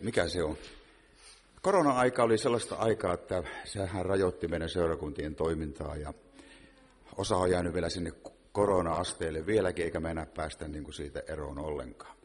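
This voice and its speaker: A man's voice: sits low, slightly rough. A man from a visiting choir, talking in a joking, rambling way at a church service. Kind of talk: humorous talk at a church service. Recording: reverberant church hall with faint noise.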